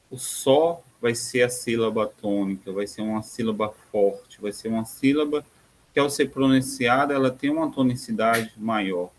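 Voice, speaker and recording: A Brazilian man giving a recorded grammar lesson, pausing often on fillers and spelling out example words slowly. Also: medium pitch. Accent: Brazilian Portuguese. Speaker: teacher.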